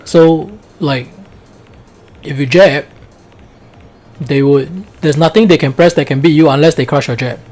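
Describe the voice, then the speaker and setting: Man, Singlish accent, somewhat high pitch, casual coaching, colloquial, often asks "right?". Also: measured pace, pauses often, a little mellow, faint music behind. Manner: colloquial Singlish, checks understanding with frequent "right?". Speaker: fighting game coach. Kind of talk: casual live coaching with game demonstrations.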